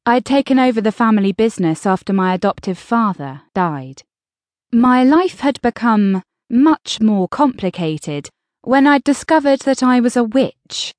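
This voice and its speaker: A woman reads a first-person story in a dry, wry manner. Her delivery is slow and unhurried, with a lively pitch that moves freely. The studio sound is close and dry. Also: no room sound. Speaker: audiobook narrator. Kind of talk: first-person scripted narration.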